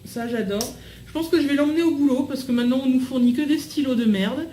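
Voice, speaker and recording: Young woman, bubbly casual vlog chat, fairly high voice, lots of fillers, echoey room. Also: fast, mellow, a little hiss or hum. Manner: chatty, bubbly, trails off into fillers. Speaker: vlogger unboxing a swap package.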